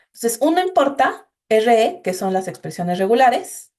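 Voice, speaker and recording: A woman's voice: on the high side, very animated, normal speed, a little mellow. A woman giving an informal, explanatory recorded programming class and talking directly to her students. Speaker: instructor.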